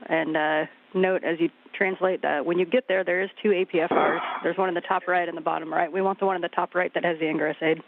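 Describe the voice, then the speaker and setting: A man's voice: fairly high pitch, flat delivery, fast, vocal fry, few pauses. A man as a mission control communicator, giving procedural instructions to astronauts over a radio transmission. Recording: tinny radio link with faint noise.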